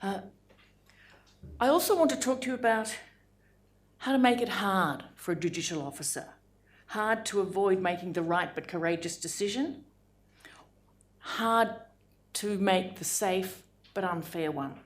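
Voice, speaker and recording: Measured woman in her sixties. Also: mid-range voice, animated. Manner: measured and deliberate, with frequent "um" pauses. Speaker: judge giving a lecture. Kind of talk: formal lecture. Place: lecture room.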